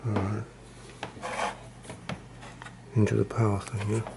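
Speaking fast and flat with vocal fry, a man on the low side demonstrates vintage computer equipment against a noisy background. This hobbyist rambles through the casual hands-on demo, musing aloud and poking fun at himself.

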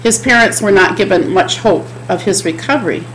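A woman's voice: medium pitch, fairly quick, a bit bright, slight background noise, poor audio. A middle-aged woman giving a chapel sermon from a home office, speaking in an earnest, repetitive preaching cadence into a desk webcam. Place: home office with bookshelves, indoors.

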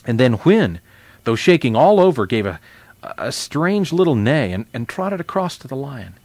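A man hosting a children's radio show, reading a novel aloud in an expressive, lively storytelling manner. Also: medium pitch, normal speed, no room sound.

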